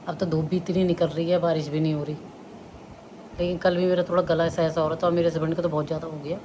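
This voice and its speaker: A woman's voice: fairly low pitch, darkish tone. A chatty middle-aged woman, talking to her viewers at home. She laughs often while she tells her story. Faint room noise sits under her voice. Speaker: vlogger. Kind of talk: casual chat to viewers.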